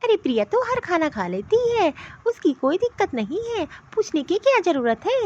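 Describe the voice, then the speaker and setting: A woman's voice: extremely high pitch, very animated, normal speed, a little mellow, muffled recording. A woman voicing a kindly middle-aged mother-in-law in a cartoon, speaking affectionately. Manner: affectionate, soothing. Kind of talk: Hindi cartoon voice acting.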